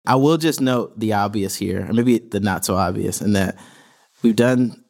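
A man's voice: on the low side, moderate pace, gravelly, a little mellow. A man co-hosting a podcast, upbeat, who laughs easily and leads with questions. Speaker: podcast co-host. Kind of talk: casual interview chat.

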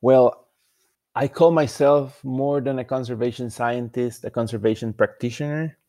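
A man's voice: medium pitch, creaky, dark tone, dry recording, studio quality. A man from Rica, giving easygoing, unpretentious answers as a guest in an interview. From Costa Rica. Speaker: guest conservation scientist.

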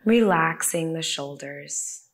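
A woman leading a guided body-scan meditation, speaking softly and soothingly with long pauses. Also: sits low, a little hiss or hum. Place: a room with the listeners present.

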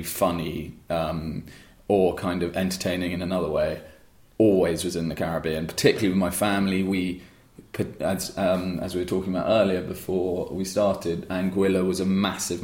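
A man's voice: deep voice, echoey room. A man being interviewed about founding his own rum brand, talking in long, rambling answers full of restarts and fillers. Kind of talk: conversational interview.

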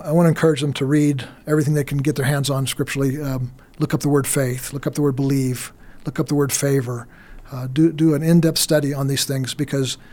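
A man's voice: fairly high pitch, a little mellow. A middle-aged man giving a faith interview as a guest minister, speaking earnestly and often restarting and repeating his words.

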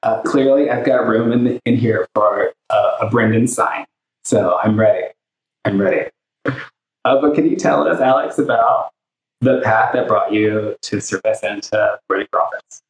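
A man's voice: on the low side, normal speed. Man hosting a podcast, roomy sound. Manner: hesitant, many fillers. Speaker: podcast host. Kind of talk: podcast interview.

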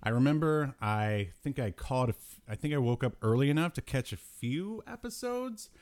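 A podcast host with a medium-pitched, expressive, somewhat dark voice talks at a moderate pace. He riffs jokily and with exasperation in a casual chat about old cartoons.

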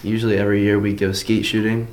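A man's voice: lowish voice, flat delivery, quick pace, reverberant. A teenage boy from Atlanta giving short, laid-back interview answers. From Atlanta, Georgia. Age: teens. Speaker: student guest.

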